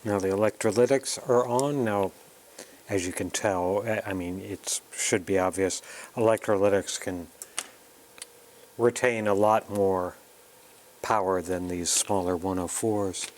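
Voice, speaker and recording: A man hosts a casual electronics kit build tutorial, plainly explaining each step as he works through it hands-on. His lowish voice stays steady at a measured pace, with slight background noise behind it.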